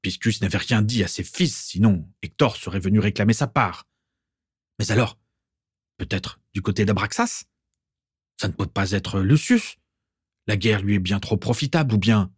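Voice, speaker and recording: A man voicing a gruff older father who grumbles and muses aloud in a storybook reading. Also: fairly low pitch, normal speed, pauses often, no echo, clean studio sound. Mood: musing.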